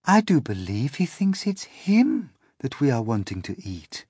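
Motherly storybook ladybird, soft and kind, raised pitch man performing. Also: big pitch swings, unhurried, husky, no echo, clean studio sound. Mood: kindly. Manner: soft and soothing. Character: kindly female ladybird, gentle and motherly.

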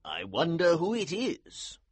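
A man's voice: fairly high pitch, wildly swooping pitch, slow, husky, dry recording, voice pushed up, exaggerated voice. A man voicing a stern, protective older army colonel who speaks in a firm, commanding way. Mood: wry.

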